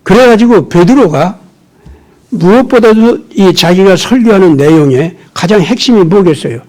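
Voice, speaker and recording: A man's voice: high-pitched, animated, moderate pace, a little mellow. A middle-aged male pastor giving a sermon in a conversational, storytelling manner, full of rhetorical questions.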